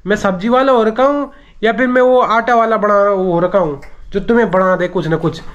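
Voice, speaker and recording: A man's voice: high-pitched, normal speed, highs cut off. A young man from Uttarakhand chatting and teasing his family in a casual home vlog. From Uttarakhand, India. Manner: teasing, joking banter. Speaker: vlogger.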